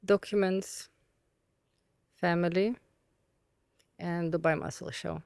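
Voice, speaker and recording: A woman's voice: lowish voice, fairly even intonation, takes it slowly, creaky, darkish tone, smooth, no room sound. A woman from southern Russia with a Russian accent, a podcast guest giving short, dry, blunt answers in casual chat.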